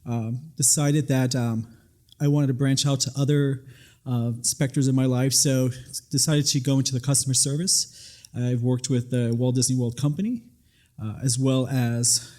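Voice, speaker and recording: A man's voice: mid-range voice, dark tone. A middle-aged man from the Bronx, New York, giving conversational interview answers as a military guest. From Bronx, New York, USA. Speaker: guest, Air National Guard first sergeant.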